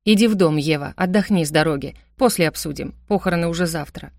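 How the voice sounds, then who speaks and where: A woman's voice: low-pitched, fast, no echo, clean studio sound. A woman doing a cold stern older brother. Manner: calm, cold and clipped. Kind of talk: audiobook character voice.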